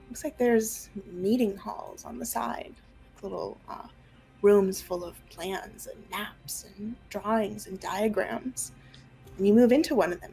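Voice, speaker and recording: A young woman narrating an online tabletop roleplaying game as game master, improvising her descriptions haltingly. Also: medium pitch, gravelly, a little mellow, rough recording. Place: room at home, on a group video call. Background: faint music.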